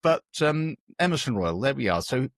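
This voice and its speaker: A man's voice: medium pitch, very animated, moderate pace, dry recording, studio quality. A man hosting a casual football podcast, self-deprecating and steering the talk between guests. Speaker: podcast host.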